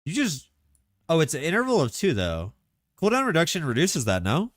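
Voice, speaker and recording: A man streaming live, chatting casually and excitably about game mechanics, rambling with lots of filler words. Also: fairly high pitch, brisk, no echo, studio quality.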